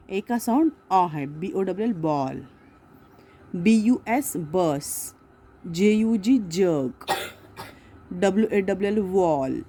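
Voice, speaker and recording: A woman's voice: medium pitch, warm tone, slight background noise. A woman teaching a children's grammar lesson, mixing words into her talk. She spells each word letter by letter, asks questions and answers them herself.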